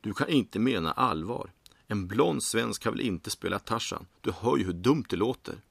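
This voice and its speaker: Guy playing a tired washed-up movie star, bored and gravelly, dry close sound. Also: lowish voice, expressive, no room sound. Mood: aghast. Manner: weary, bored. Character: weary aging male former action-film star.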